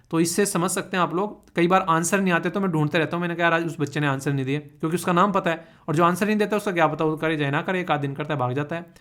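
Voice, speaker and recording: A man's voice: on the high side, a bit bright. A man teaching an online exam-prep lecture in a chatty, teasing way, dropping English terms into Hindi and often checking in with his students. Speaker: current affairs teacher.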